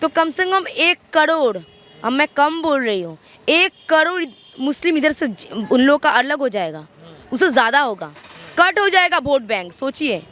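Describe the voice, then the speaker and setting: A woman's voice: high-pitched, sing-song, normal speed, a bit bright. A woman from West Bengal answering questions in a street interview, speaking emphatically and often restarting her words. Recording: faint traffic noise outdoors.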